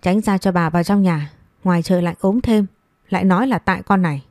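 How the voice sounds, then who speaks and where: A woman's voice: lowish voice, a little fast, darkish tone, dry recording, studio quality, lightly acted. A woman voicing a cruel village wife who hisses and scolds a child in a storybook reading. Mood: scolding. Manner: hissing, scolding.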